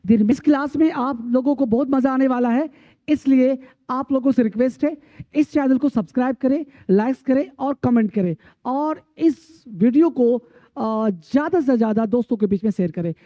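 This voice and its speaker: A man from Bihar with a Bihari Hindi accent, teaching English pronunciation and slowly drilling word lists, repeating each word. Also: extremely high pitch, no echo. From Bihar, India. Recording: dull lo-fi dry recording.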